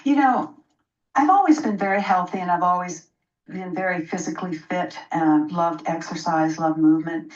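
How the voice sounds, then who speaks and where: A woman's voice: on the low side, moderate pace. A woman in her sixties speaking as a radio interview guest, explaining in a personal, conversational way and stressing points through repetition. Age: 60s. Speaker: interview guest, health practitioner. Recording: dull, roomy, distant microphone sound.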